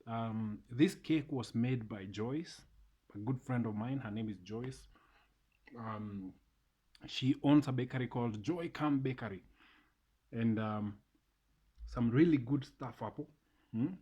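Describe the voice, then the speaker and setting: A man, talking casually and warmly to viewers in a motivational vlog, repeating phrases for emphasis. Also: medium pitch, takes it slowly, pauses often, husky. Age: 30s. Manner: repeats phrases, mixes in Swahili. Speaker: vlogger.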